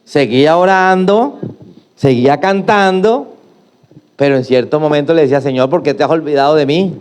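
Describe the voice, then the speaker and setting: A man's voice: fairly high pitch, normal speed, darkish tone. A middle-aged male pastor preaching a sermon, emphatic and prompting the congregation to repeat after him.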